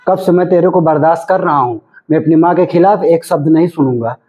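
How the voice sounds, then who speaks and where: A man's voice: on the high side, a little fast, slight background noise. A man playing a husband who scolds and lectures in a scripted family comedy skit. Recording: dull lo-fi home video sound.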